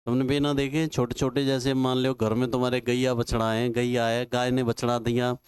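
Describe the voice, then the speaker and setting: A male Sanskrit teacher, giving a classroom lecture and dictating notes slowly, repeating each phrase with homely examples. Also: mid-range voice, little pitch movement, darkish tone, clear, resonant tone. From Rajasthan, India. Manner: slow, repetitive dictation with folksy examples.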